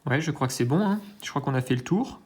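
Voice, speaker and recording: A man's voice: medium pitch, lively intonation, fast, a little mellow, slight background noise. A man hosting his own channel, giving hesitant, think-aloud commentary while scratching lottery tickets, with self-mocking asides and lots of filler sounds. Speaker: scratch-card channel host.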